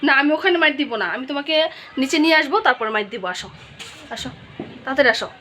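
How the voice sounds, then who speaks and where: A woman's voice: sits high, very fast, pushed and bright, a little hiss or hum. A young mother at home talking to her little child in a playfully scolding way, asking the same questions again and again, recorded on a phone. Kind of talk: casual home vlog scolding.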